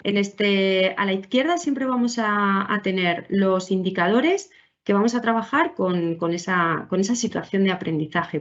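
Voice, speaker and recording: Woman teacher walking colleagues through her materials, halting with fillers, on a dull lo-fi recording. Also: medium pitch. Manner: hesitant, many fillers and tag questions. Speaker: primary school teacher. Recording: dull lo-fi audio.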